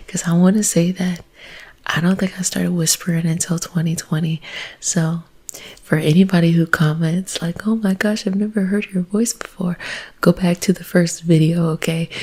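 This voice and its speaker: A woman speaking in a soft, half-whispered ASMR style, gentle and maternal, as the host of a self-care healing session. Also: lowish voice, slightly rough. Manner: gentle, maternal, informal, addresses listeners as babies. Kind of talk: soft-spoken ASMR, intimate monologue to listeners.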